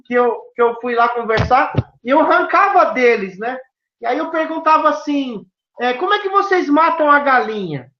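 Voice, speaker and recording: Speaking at normal speed with lively intonation and a fairly bright tone, this high-voiced woman from southern Brazil narrates stories in animated conversation, imitating those she quotes. She puts emphasis on her questions, and the lo-fi audio sounds dull and echoey.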